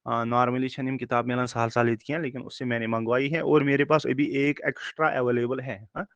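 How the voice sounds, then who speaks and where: A man teaching a recorded lecture, explaining slowly, repeating words and checking in with his students. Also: medium pitch, steady tone, no echo. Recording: dull dry lo-fi recording.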